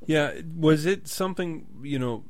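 A man's voice: on the high side, unhurried, no room sound, studio quality. A man from the United States interviewing a musician, asking long, rambling questions full of fillers and restarts.

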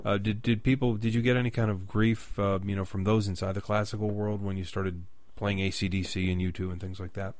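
A man's voice: fairly low pitch, flat delivery, a little fast, few pauses, a little mellow, dry recording. A man from the United States interviewing a musician, asking long, rambling questions full of fillers and restarts.

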